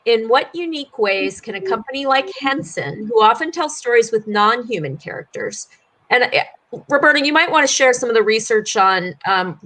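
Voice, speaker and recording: A woman's voice: fairly high pitch, lively intonation, moderate pace, a bit bright. A woman moderating a video-call panel, friendly and rambling, with many fillers.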